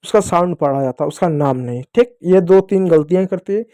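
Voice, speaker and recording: High-voiced man teaching phonics. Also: brisk, warm tone, dry recording. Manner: patient, repeats questions and answers them himself. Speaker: English teacher. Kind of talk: classroom-style phonics lesson.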